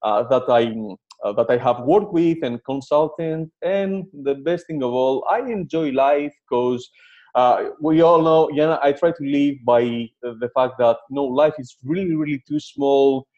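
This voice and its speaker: Greek guy in his 30s, mellow warm tone, lots of uhs and restarts, guest on a podcast. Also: medium pitch, measured pace, lo-fi sound. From Greece. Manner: animated storyteller, many fillers and restarts. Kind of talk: casual interview.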